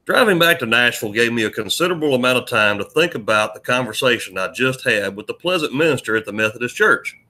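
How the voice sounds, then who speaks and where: A man narrating a first-person audiobook in a steady storytelling read. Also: mid-range voice, quick pace, few pauses.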